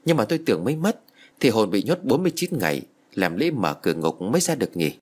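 Worried sulky mom put on by a man, higher pitched, husky, animated. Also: fast. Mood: fretful. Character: anxious, touchy middle-aged mother.

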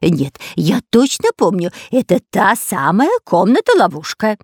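A woman's voice: mid-range voice, big pitch swings, measured pace, breathy edge, no echo, studio quality, full character voice. A woman voicing a cowardly, long-nosed male spy in an audiobook, who stutters and whimpers with fear. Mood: anxious. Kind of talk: audiobook character voice.

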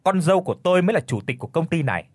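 A man voicing a haughty, scornful rich older mother-in-law in a spoken story, with a husky voice. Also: fairly high pitch, sing-song, racing, no room sound, voice pushed up. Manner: scornful, cutting.

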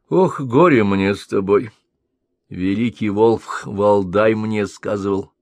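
Man voicing a gruff scolding old sage. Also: on the low side, a little mellow, no echo, heavily acted. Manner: grumbling, scolding.

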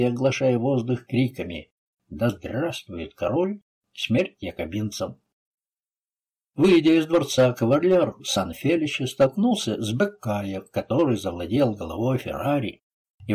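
A male audiobook narrator with a husky voice and a lively, varied intonation. He tells the story expressively, rising and falling at mid pitch. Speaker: audiobook reader. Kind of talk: scripted narration.

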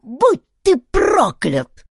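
A squeaky, creaking old chief who shrieks threats in a high, loud voice, put on by a woman reading the story. The delivery lurches wildly in pitch, and the recording is dry and close. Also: huge pitch swings, extremely slow, no room sound, full character voice. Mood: furious. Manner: shouting threats.

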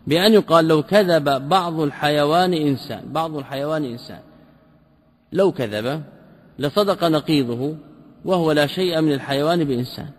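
A man teaching a lesson, reading a classical text passage by passage and explaining it, asking rhetorical questions and repeating key terms slowly. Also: a little high, long reverb tail. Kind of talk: line-by-line commentary lesson.

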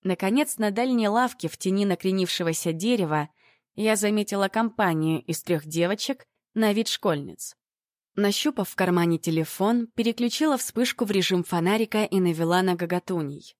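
A woman narrating a first-person story in an even, storytelling delivery. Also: mid-range voice, moderate pace, no room sound, clean studio sound.

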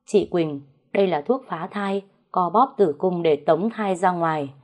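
A woman voicing a calm young doctor in the family who explains plainly and clinically. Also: fairly low pitch, unhurried. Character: young doctor brother-in-law, calm and matter-of-fact.

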